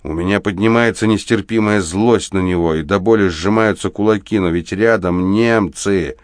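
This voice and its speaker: A man narrating first-person war prose in a steady, grim, measured audiobook reading. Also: low voice, no room sound, clean studio sound.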